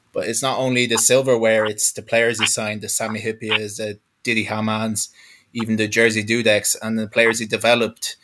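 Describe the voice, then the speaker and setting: A man's voice: on the low side, a bit bright, slight background noise. A man in his twenties with a west of Ireland accent, a sports journalist talking fluently and reflectively as a guest in a football discussion. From Galway, west of Ireland. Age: 20s.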